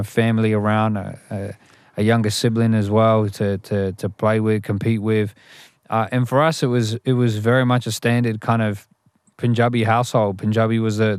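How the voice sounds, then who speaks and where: In a clean, echo-free studio recording, a young adult man from Australia speaks in a smooth, lowish voice. He's a rapper interviewed about how he grew up, telling it reflectively and thoughtfully while frequently restarting and saying "you know."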